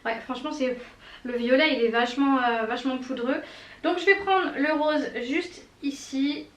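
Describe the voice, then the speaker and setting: A woman's voice: high-pitched, moderate pace, fairly bright tone. A woman doing a casual makeup tutorial, chatty and enthusiastic with many fillers and little exclamations. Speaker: beauty vlogger. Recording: roomy echo, mic at a distance, faint noise.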